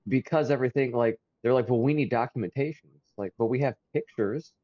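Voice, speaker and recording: A man in his thirties co-hosting a podcast, talking casually, animated, stumbling over restarts and laughing often. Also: mid-range voice, fairly quick, dry recording, muffled recording. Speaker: podcast co-host. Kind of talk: casual chat.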